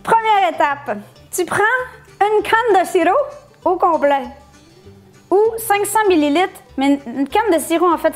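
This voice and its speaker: Woman, jokey cooking host, high voice, soft music underneath. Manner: playful, jokey, laughs often. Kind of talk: casual cooking tutorial.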